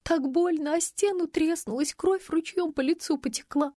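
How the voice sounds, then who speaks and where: A woman reader voicing a frightened, whiny young woman who complains and whimpers in a high, teary voice. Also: moderate pace, mellow, dry recording, studio quality. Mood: whining.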